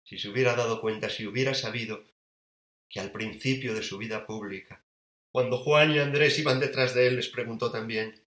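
A man preaching a sermon, retelling a scene tenderly and swinging between soft and emphatic delivery. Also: medium pitch, fairly even intonation, moderate pace, roomy sound.

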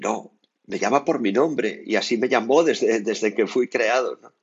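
A man from Spain, a priest giving a spoken meditation in a conversational manner with frequent tag questions and lively asides. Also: on the low side, a little slow, husky, dull audio.

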